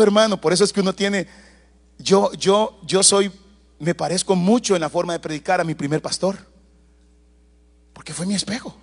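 High-voiced man preaching with loud bursts. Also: gravelly, husky. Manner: animated preaching, loud bursts, storytelling with asides to the congregation. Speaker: pastor. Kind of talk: sermon. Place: church.

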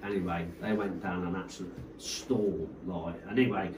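A man's voice: low-pitched, steady tone, moderate pace, a little mellow, slight background noise. Rambling man in a roomy space. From Coventry, England. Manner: rambling, peppered with "like, you know". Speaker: rave promoter, guest. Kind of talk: casual storytelling interview. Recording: roomy, distant from the mic.

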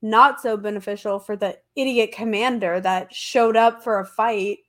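Stuffed up from allergies, this woman hosts a podcast where she recounts history conversationally, chatty and loose with slang and plenty of emphasis. Her voice sits at medium pitch, with a steady, fairly bright tone at a normal speed.

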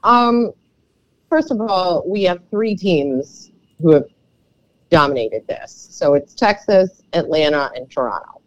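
A woman with a froggy, slightly croaky voice co-hosting a sports podcast in casual, conversational commentary, often hedging her points. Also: fairly low pitch, expressive, slow, dry recording. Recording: dull, lo-fi microphone sound.

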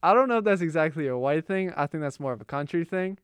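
A young American man in casual conversation. His voice is smooth and clear, a touch high, with an easygoing delivery. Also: lively intonation, quick pace, no echo. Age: young adult. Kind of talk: casual chat.

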